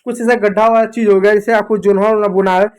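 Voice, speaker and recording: A man's voice: high voice, flat delivery, fast, a little mellow, smooth. A man teaching English words in a chatty, repetitive way, checking in with the listener again and again. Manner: repeats words, keeps saying "theek hai" and "dekho doston". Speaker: English teacher on a kids' channel. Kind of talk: informal Hindi vocabulary lesson.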